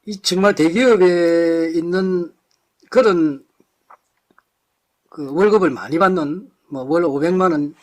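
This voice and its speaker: A man giving an impassioned political lecture to a live audience, firing off rhetorical questions and blunt insults. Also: high voice.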